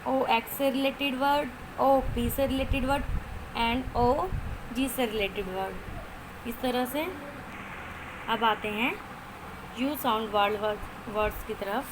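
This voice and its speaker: Slow woman sounding out phonics. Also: on the high side, steady tone. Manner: slow, sounding out letters one by one. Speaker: teacher. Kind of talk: phonics lesson for children. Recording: noisy home recording.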